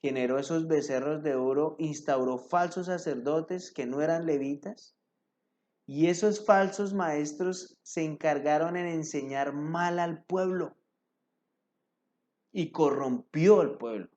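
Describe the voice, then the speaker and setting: A man's voice: fairly high pitch, slow, darkish tone. A man preacher reading scripture verses aloud and then explaining them directly to his listeners in a devotional sermon. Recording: dull lo-fi recording.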